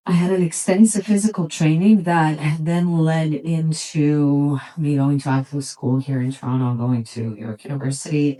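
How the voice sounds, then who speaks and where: A middle-aged woman from Serbia, a yoga teacher and studio owner, speaking reflectively as an interview guest, pausing and restarting as she thinks. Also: deep voice, warm tone, rough recording. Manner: thoughtful, reflective, with frequent pauses and restarts. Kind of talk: relaxed conversational interview.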